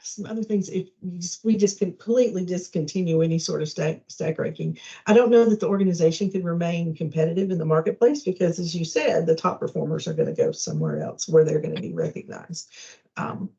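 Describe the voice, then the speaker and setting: A speaker with a gravelly, mellow voice thinks aloud in a work meeting, agreeable and reflective. The sound comes over a video call and is dull and lo-fi. They often answer with short sounds of agreement. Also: mid-range voice, lively intonation, brisk. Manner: agreeable, reflective, many backchannels. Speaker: colleague in a work discussion. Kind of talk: casual work meeting discussion.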